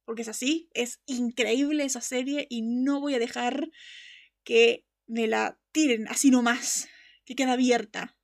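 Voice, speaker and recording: Passionate woman podcast host, high voice with a gravelly edge, emphatic and quick to laugh. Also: fairly even intonation. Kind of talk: casual fan-show chat.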